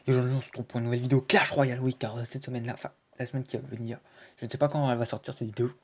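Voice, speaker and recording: A man talking over a recorded mobile game match for his channel, in a mid-pitched, ordinary voice. He rambles and hesitates, stacking fillers and restarts and falling back on the same stock phrases again and again. His delivery is loose and unscripted, a casual gameplay commentary. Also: level tone, very fast. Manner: keeps repeating stock phrases. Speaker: video game channel host. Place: home screen recording, voice-over.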